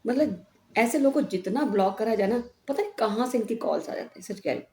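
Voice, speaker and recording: A middle-aged woman vlogger from India, telling a story in a chatty, animated way and often asking "हैं?". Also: on the high side, quick pace. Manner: chatty, animated retelling with frequent "हैं?" tags. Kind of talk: casual vlog storytelling. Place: home room. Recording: echoey room with faint background noise.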